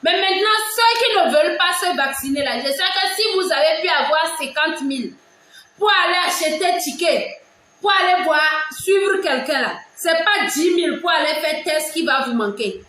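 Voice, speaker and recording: Loud, high-pitched Togolese woman, casual commentary, very echoey room. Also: moderate pace. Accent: Togolese French. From Togo. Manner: loud, emphatic, repeats herself.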